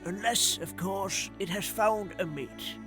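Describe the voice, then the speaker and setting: A man putting on a hushed, mock-solemn nature-documentary narrator voice in a comic aside. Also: high-pitched, takes it slowly, music in the background, voice pushed up.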